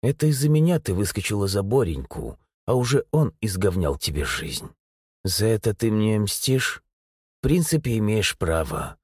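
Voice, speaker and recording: A man's voice: on the low side, very animated, normal speed, husky, no room sound, clean studio sound. A man voicing a bitter young man who lost his legs and feels betrayed by his parents. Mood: weary. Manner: bitter, shouting then quiet.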